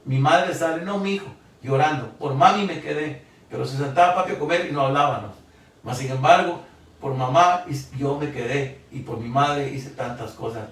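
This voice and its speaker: A man's voice: medium pitch, a bit bright, distant mic. Older man preaching in an echoey church. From Guatemala. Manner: emotional, halting with repeated restarts. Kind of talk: sermon testimony. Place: church hall.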